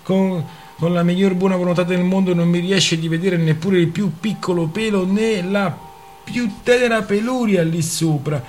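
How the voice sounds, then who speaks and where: Gruff petulant uncle, as a male narrator puts him on, raised pitch, throat-clearing, blunt. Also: big pitch swings, takes it slowly, slight background noise, exaggerated voice.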